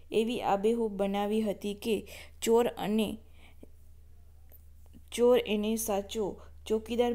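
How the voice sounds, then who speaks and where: A woman teacher works through a workbook aloud. She reads each question and its answer in a steady, numbered question-and-answer rhythm, at a medium pitch.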